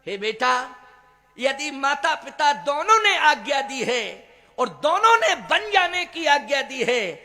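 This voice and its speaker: Brief: male preacher playing a gentle, firm old queen mother, soft and loving, high bright voice, hall reverb. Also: sing-song, takes it slowly, heavily acted. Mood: blessing.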